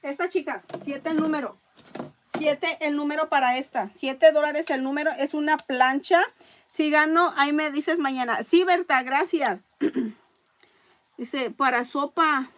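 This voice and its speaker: High-voiced woman running a live raffle. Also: unhurried, fairly bright tone, a little hiss or hum. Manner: chatty, reads viewer comments aloud. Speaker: live-stream seller and raffle host. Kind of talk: casual live-stream chat.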